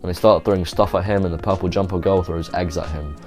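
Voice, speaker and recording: A man's voice: deep voice, fairly even intonation, fast, darkish tone, soft background music. A man narrating a YouTube video in a casual, rambling, offhand way, full of "like" and restarts. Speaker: YouTube host.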